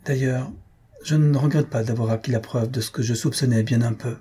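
A man voicing a gentle, composed young woman who speaks softly in a read-aloud story. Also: medium pitch, steady tone, a little fast, slightly rough.

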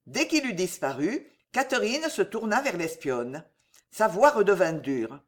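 An audiobook reader with a medium-pitched voice narrates a novel aloud, measured and expressive.

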